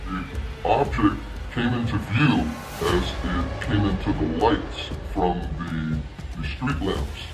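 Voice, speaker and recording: A man speaks through an electronically altered, disguised voice pushed down to a very low pitch. He recounts events calmly and in precise detail. The sound is roomy and distant, with music clearly playing underneath. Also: takes it slowly. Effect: disguised, electronically altered deep voice. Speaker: anonymous eyewitness. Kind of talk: measured first-person account.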